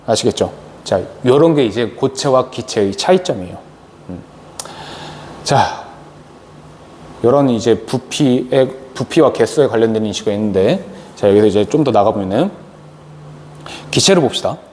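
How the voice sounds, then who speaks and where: A man's voice: medium pitch, lively intonation, moderate pace, pauses often, darkish tone. A man teaching a chemistry lecture, asking questions and answering them himself. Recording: long reverb, faint noise.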